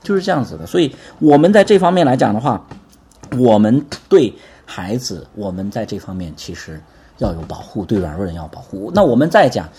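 A husky-voiced man delivering a sermon at a quick clip. He preaches in a chatty, animated way, throwing questions at the congregation and waiting for their replies. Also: on the low side. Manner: lively, keeps asking the congregation for responses. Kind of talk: conversational sermon.

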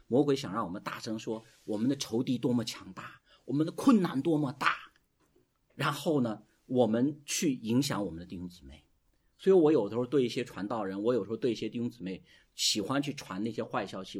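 Husky, animated male preacher. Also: on the low side. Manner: animated, drawing call-and-response from the congregation. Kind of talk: sermon.

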